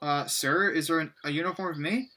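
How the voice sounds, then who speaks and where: A man's voice: fairly high pitch, a little fast, pushed and bright. A man doing a hesitant teenage student boy.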